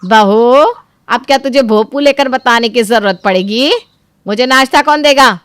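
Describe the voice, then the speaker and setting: A domineering cartoon mother-in-law barks orders and scolds without pause, as a woman puts her on. The voice sits high and loud, pushed well above the speaker's own. The sound is close and dry. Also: smooth, no echo, close to an everyday voice. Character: bossy domineering middle-aged mother-in-law. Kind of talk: cartoon story voice acting.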